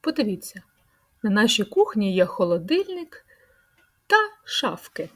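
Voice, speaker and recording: A woman leading a speech-sound lesson for preschool children, stretching out words in a slow, sing-song way. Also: medium pitch, big pitch swings. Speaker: preschool teacher.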